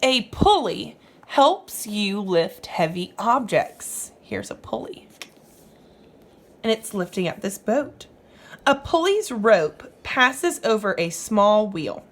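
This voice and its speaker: Reading to little ones in a teacher's style, a woman explains the material and directs questions to the listener. Her medium-pitched voice moves slowly with big swings in pitch.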